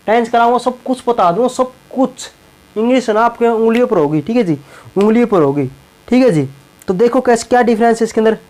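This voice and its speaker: Young male teacher with a high voice who repeats key words and keeps checking in with the class. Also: a little fast, a little mellow, poor audio. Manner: repeats words and tags lines with a check-in phrase. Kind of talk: classroom lesson explaining English verbs in Hindi.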